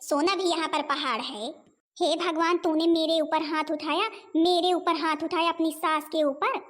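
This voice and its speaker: A woman's voice: very high-pitched, fairly even intonation, a bit bright. A woman voicing a spoiled, lazy, hot-tempered young wife in a homemade cartoon. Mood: irritated. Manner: defiant, quick to anger.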